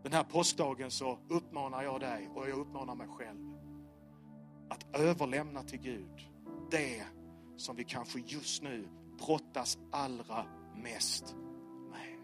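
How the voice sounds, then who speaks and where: A man preaching a sermon to a congregation in church, with rhythmic repeated phrases, swinging from full-voiced intensity to hushed lines. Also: mid-range voice, music in the background. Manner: impassioned, with sudden drops to a hushed voice. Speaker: pastor. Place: church service before a live congregation.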